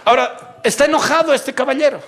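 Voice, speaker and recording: A male pastor preaching a sermon in church, animated, swinging from loud exhortation to quiet asides. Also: extremely high pitch, fast, vocal fry, a faint crowd.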